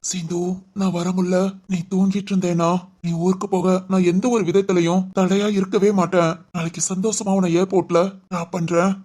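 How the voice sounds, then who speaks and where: Caring middle-aged dad, woman plays him, fast soothing talk, keeps reassuring his daughter. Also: fairly low pitch, little pitch movement, dark tone, lightly acted. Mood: worried. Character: caring middle-aged father, gentle and encouraging. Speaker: father in a family drama. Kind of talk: amateur village family drama.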